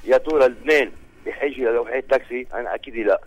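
A man's voice: mid-range voice, rapid-fire, a little hiss or hum, rough recording. A Lebanese man, a union leader calling in to a radio show, speaking firmly and listing figures. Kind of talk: radio phone-in statement.

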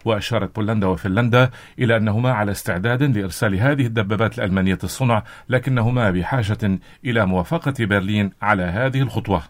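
Man, news anchor, radio bulletin, very fast, lowish voice. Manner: brisk, steady newsreader delivery, relaxed banter with colleague. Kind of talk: formal radio news reading.

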